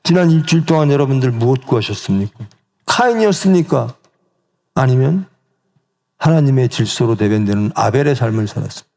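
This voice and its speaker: A man's voice: medium pitch, animated, fairly quick, creaky, a little mellow. A middle-aged male pastor preaching a sermon in a church, asking the congregation questions and acting out the voices he quotes. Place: church sanctuary.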